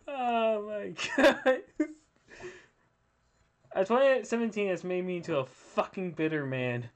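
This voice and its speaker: A man co-hosting a casual streamed podcast, snarky and quick to laugh, swearing freely. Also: sits high. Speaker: podcast co-host. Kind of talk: casual chat on a live stream.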